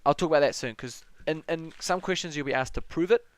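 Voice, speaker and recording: A man's voice: a little high, quick pace, dry recording. A young man with a New Zealand accent tutoring maths on a live stream, thinking aloud and answering chat questions in a casual way.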